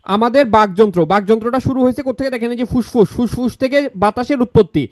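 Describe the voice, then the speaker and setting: Brief: young male grammar tutor, very high voice, dry close sound, drills exam answers by repetition. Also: a little mellow, no room sound. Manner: repetitive, drills key answers, asks the class questions. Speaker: grammar teacher. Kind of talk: online exam-prep lecture.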